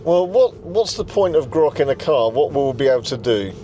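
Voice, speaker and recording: A man's voice: mid-range voice, lively intonation, brisk, mellow, slight background noise. A man with a South London accent hosting a casual car vlog, chatty and explaining things step by step, from inside a car and at a charging station. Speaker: vlog host.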